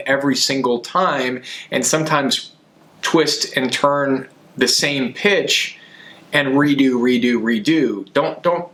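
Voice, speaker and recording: A man's voice: medium pitch, fairly bright tone. A man coaching on sales in a conversational way, as a podcast host, stressing his points by repeating key phrases.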